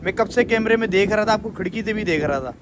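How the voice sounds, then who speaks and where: A man with a high voice talks fast against a noisy background. He's a father and vlogger from Pakistan with a Karachi Urdu accent, lecturing and scolding his children in a casual family vlog.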